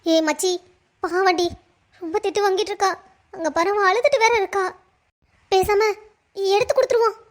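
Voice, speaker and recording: A woman voicing a caring, soft-hearted young friend in a cartoon, sympathetic and coaxing. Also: extremely high pitch, normal speed, pauses often. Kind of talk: cartoon voice acting.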